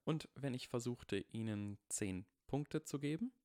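A man voicing a stern, dignified older woman professor with slow, hushed, formal speech, as in an audiobook. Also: mid-range voice, no echo, clean studio sound, pitched above the performer's own voice, close to an everyday voice. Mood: measured.

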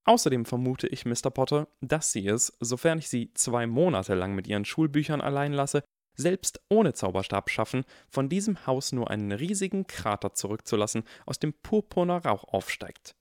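Guy doing a prim older witch teacher, higher voice, very formal, swoops around. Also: animated, a little mellow, no room sound, clean studio sound, close to an everyday voice. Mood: dry formal. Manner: formal, measured, hesitant at times. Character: stern older female witch professor, proper and formal. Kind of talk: audiobook character reading.

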